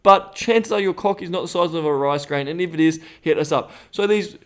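An Australian man co-hosts a podcast in Thailand, chatting casually in a blunt, animated way and swearing freely. His voice is a little high and clean in tone, and he talks fairly quickly.

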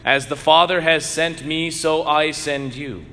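A man preaching as a priest, reading the gospel slowly and then preaching earnestly, his voice ringing with cathedral echo in a large church. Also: fairly high pitch, steady tone, bright, forceful tone. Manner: slow, measured reading that turns earnest and emphatic in preaching. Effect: cathedral echo, long church reverb. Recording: echoey church with long reverb.

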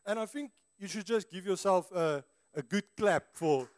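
A man's voice: high-pitched, normal speed. A man with a broad South African Afrikaans accent preaches informally to a church congregation in an earnest, conversational way, as a native Afrikaans speaker.

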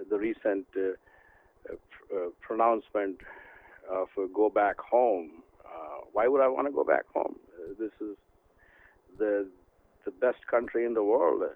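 An older man from India speaks as a phone-in guest, halting and restarting often. His voice sits fairly low. It comes over a tinny, narrow phone line with no room sound. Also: no room sound. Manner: halting, many fillers and restarts. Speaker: guest author. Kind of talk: phone interview. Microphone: telephone.

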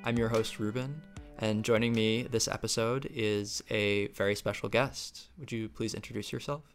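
A man's voice: lowish voice, fairly even intonation, normal speed, faint music behind. A man hosting a podcast, earnest and a little hesitant, with fillers when asking questions. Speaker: podcast host.

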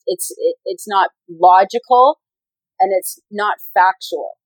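A woman's voice: mid-range voice, slow, no echo, rough recording. A woman in her forties, a professional athlete and coach, talking casually in an interview, rambling with many fillers and restarts. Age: 40s.

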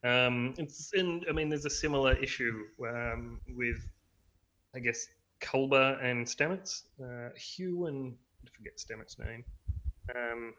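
A man's voice: medium pitch, unhurried, bright, forceful tone. A man co-hosting a casual review podcast, hedging and restarting often with lots of fillers. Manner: hesitant, many fillers and restarts, self-deprecating. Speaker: podcast co-host.

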